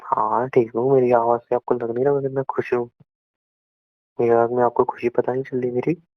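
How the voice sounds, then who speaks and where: A young Indian man is in an emotional phone conversation with an ex, hurt, close to tears, reproachful and repeating himself. His mid-range voice is fairly quick with a level tone, and the phone call recording is muffled and lo-fi, with no echo.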